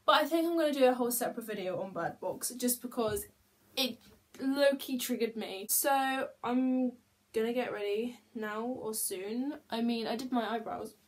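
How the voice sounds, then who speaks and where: A woman's voice: fairly high pitch, moderate pace. A young woman chatting casually to her phone camera as a beauty vlogger, rambling and poking fun at herself. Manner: chatty, rambling, self-mocking. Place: at home.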